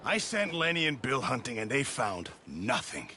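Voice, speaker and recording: A man as a camp cook in a western game. He blusters defensively with a widely swinging, mid-pitched voice. Background noise is clear. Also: big pitch swings, normal speed, pushed and bright. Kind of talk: video game dramatic acting.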